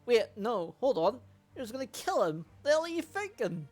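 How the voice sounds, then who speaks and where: A woman's voice: medium pitch, measured pace, lightly acted. A woman voicing a brash, conflicted young male mercenary in a game, her exclamations jumping up sharply, over faint music. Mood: shocked.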